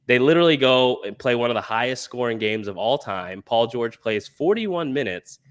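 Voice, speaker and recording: In a casual analysis chat, a man with a medium-pitched, animated voice talks at normal speed with a clean tone. He sounds congested and nasal, rambling with lots of fillers as he vents frustration over sports fantasy picks.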